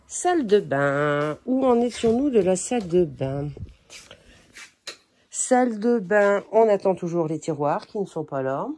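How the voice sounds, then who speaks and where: Unhurried and lively in intonation, a middle-aged woman with a lowish, darkish voice gives a chatty, informal tour of her house to camera. She moves through the rooms indoors and talks to her pet now and then.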